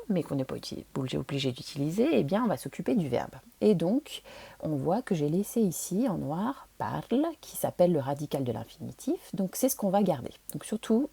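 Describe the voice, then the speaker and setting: A woman teaching Italian grammar, patiently explaining step by step and repeating forms slowly. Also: low voice, creaky, mellow, breathy edge, dry recording.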